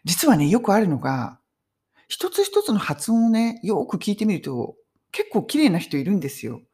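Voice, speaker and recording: A woman's voice: mid-range voice, sing-song, moderate pace, warm tone. A middle-aged woman giving a casual English conversation lesson on video, talking in an emphatic, friendly teaching tone. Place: home in London.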